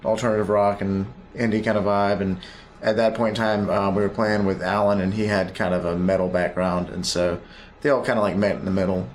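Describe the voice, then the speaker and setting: A man's voice: fairly low pitch, little pitch movement, a little fast. A man from Florida, a band member on a radio interview, talking in a laid-back way full of "like". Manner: laid-back, many "like" and "yeah" fillers. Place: radio studio.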